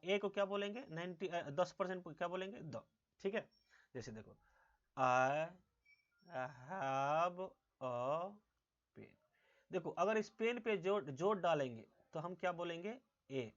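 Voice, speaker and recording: A male English teacher giving a grammar lesson, asking quiz questions and answering them himself, repeating key words slowly. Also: sits high. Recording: dull lo-fi sound.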